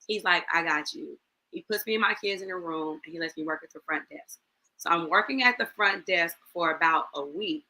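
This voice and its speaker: A woman in her forties speaking as a guest, her tone bright and forceful. She tells her own story with feeling and acts out the lines of the people in it. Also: lowish voice, brisk, rough recording. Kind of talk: personal testimony in an online talk show.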